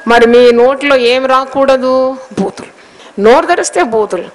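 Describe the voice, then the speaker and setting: A woman's voice: high voice, measured pace, low-quality recording. Female preacher, giving a morning sermon that mixes scripture reading with questions to the listeners. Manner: reads verses aloud, explains them in Telugu with English phrases; asks the listeners questions and answers them.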